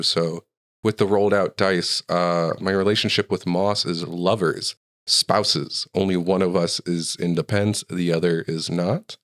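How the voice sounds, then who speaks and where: Sick-sounding man with a low voice. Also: fairly bright tone. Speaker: host and player. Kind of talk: podcast hosting and scripted reading.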